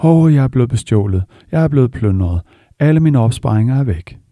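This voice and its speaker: A man voicing a very old, poor village woman in a spoken teaching story, her lines set a little higher than his narration. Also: expressive, mellow, dry recording, studio quality, close to an everyday voice. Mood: distressed.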